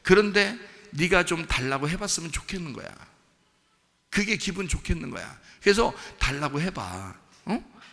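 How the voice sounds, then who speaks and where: Lively, gravelly preacher in a reverberant church. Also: male voice, on the high side, moderate pace. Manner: animated conversational preaching, acting out a father and child. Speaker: pastor. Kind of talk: sermon. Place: church sanctuary. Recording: church sanctuary with long reverb.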